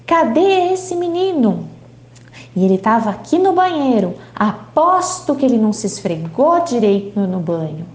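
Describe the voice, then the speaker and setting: A woman voicing a flustered mother calling for her missing son, with a shrill, frantic manner. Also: big pitch swings, a little slow, darkish tone, echoey room.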